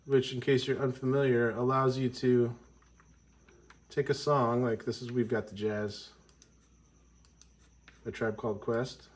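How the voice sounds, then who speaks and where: Congested male music teacher, mid-pitched, loose and rambling delivery. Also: little pitch movement, unhurried, long pauses. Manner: rambling, self-correcting, with frequent ums. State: congested from a cold. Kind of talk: casual explanatory lesson.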